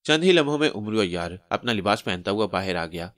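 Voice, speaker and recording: Low-voiced male story narrator. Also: lively intonation, fairly quick, fairly bright tone, no echo, studio quality.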